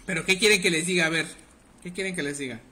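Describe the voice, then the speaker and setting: Fast and sharp-toned, this young man's high voice drives his live gameplay commentary. He streams with a Mexican Spanish accent, cracking crude jokes and bantering with his viewers in chat.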